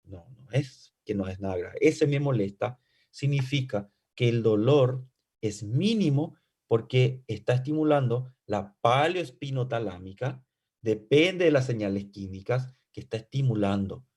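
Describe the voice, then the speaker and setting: A man's voice: mid-range voice, lively intonation, unhurried, a little mellow, husky. Man lecturing, checks understanding constantly. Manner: asks himself rhetorical questions and checks understanding with "¿ya?"; briefly acts out patient and doctor dialogue. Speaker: medical physiology lecturer. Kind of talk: classroom lecture.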